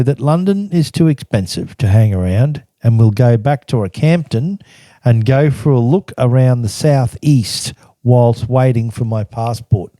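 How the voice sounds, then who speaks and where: An older man with a warm, mid-range voice reads aloud from his old travel journal, chatting casually about the stories behind the entries and laughing often. He is a podcast guest recounting his travels, and the recording has no room sound.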